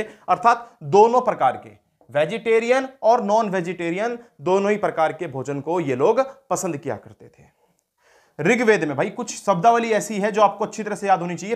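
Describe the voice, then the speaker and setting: A man teaching an exam-prep history lesson, who keeps repeating key terms and asks questions that he then answers himself. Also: high-pitched.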